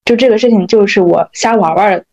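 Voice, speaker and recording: A woman co-hosts a casual podcast chat, telling her stories in a quick, chatty way. The audio is dull and lo-fi. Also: mid-range voice, darkish tone. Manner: chatty storytelling with laughs. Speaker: podcast co-host.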